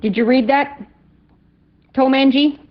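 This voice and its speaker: A woman dispatching a truck convoy over CB walkie-talkie radio, giving clear, methodical directions and ending each call with "over.". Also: high voice, steady tone, takes it slowly, noisy background. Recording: lo-fi radio transmission.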